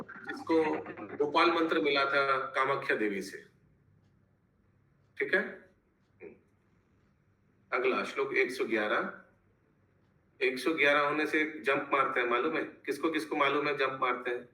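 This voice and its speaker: A man teaching an online scripture class. He leads a slow recitation of verses and then explains them in casual Hindi. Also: mid-range voice, sharp tone, echoey room, rough recording. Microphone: video call.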